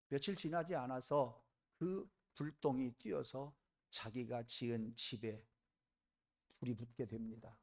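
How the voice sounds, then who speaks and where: A man preaching a sermon, telling a story vividly, with dramatic rises in pitch and loudness. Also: gravelly. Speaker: pastor. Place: church.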